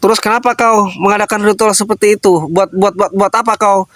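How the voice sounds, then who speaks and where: A man from Lampung, Indonesia, sternly scolding and questioning a stranger on camera for his vlog, repeating demands for loud answers. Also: high voice, fairly even intonation, a little fast, no room sound. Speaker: vlogger confronting a stranger.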